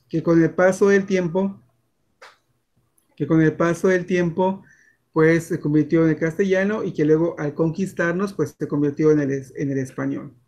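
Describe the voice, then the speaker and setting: A man's voice: on the high side, darkish tone. Chatty Mexican man teaching online. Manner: talkative, chatty, with many fillers and restarts. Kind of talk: online class lecture. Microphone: video call.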